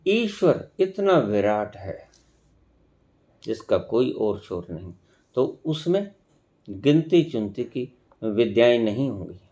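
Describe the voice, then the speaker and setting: Spiritual teacher guy, slow deliberate talk, lots of swing in his voice, muffled lo-fi sound. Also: medium pitch, darkish tone. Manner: slow, emphatic, with long pauses and rising stresses. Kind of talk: spiritual discourse.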